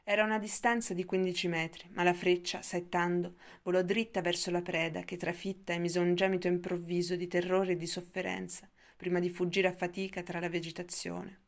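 Woman reading a story out loud, calm and steady, lowish voice. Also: a little fast, few pauses. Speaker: narrator. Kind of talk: audiobook narration.

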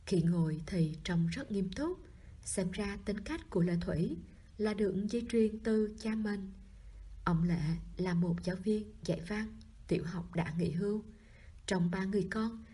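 Soft breathy woman narrating a novel. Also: lowish voice. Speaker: audiobook narrator.

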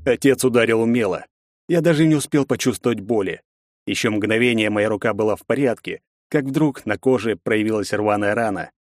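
A man narrating a first-person audiobook in an expressive, gritty storytelling manner. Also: fairly low pitch, fairly quick, no room sound.

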